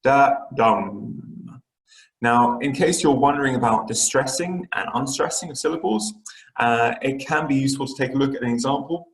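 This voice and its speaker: Man, literature teacher, mid-pitched voice, halting explanations with fillers, echoey room. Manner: explanatory, frequent fillers and restarts. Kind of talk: online lesson lecture.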